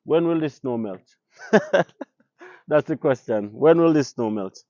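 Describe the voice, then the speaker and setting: Speaking slowly but with animation, this Jamaican man chats to his viewers on camera in his native Patois, tossing out rhetorical questions. He's a vlogger with a fairly high, mellow voice, and the lo-fi recording has no echo.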